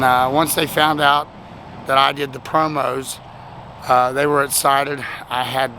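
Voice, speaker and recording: Standing outside at a roadside rest stop with cars rushing past, a man films a relaxed thank-you vlog after a weekend of nonstop talking has left him hoarse and almost voiceless. He speaks at medium pitch with vocal fry, chatting in a rambling, self-mocking way.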